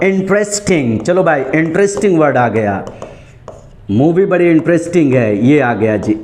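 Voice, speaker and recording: A man teaching English grammar, asking questions and answering them, slowing down low on each example word. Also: a little mellow. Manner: repeats questions and answers, slows and drops low on example words. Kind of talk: classroom grammar lesson. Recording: echoey room.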